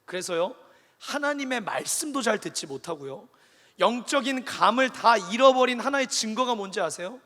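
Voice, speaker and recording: Animated high-voiced male preacher. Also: normal speed. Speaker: pastor. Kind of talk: sermon. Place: large church hall. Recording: long reverb of a church hall.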